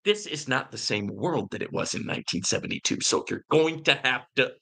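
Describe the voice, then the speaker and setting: A man hosting a live question-and-answer stream offers ranting commentary, emphatic and preachy, with lots of "right?" and "man." His mid-range voice has vocal fry and is a bit bright, with lively intonation and a brisk pace.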